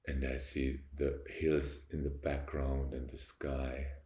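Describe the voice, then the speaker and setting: A young Austrian vlogger with a deep, gravelly, slightly mellow voice and a German accent talks unscripted to the camera. He speaks slowly and reflectively with little pitch movement, often pausing to find words. He sits by a window in a high-rise apartment, and the sound is echoey.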